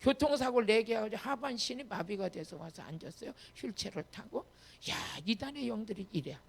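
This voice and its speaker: A woman pastor giving an emphatic sermon with personal testimony, her delivery rising to loud commands. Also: fairly high pitch, animated, brisk, creaky, slight background noise.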